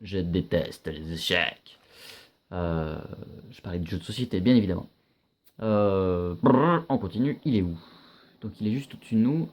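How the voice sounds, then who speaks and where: A young man giving casual, chatty commentary while playing a video game, reacting loudly and swearing often. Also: low voice, lively intonation, normal speed, pauses often.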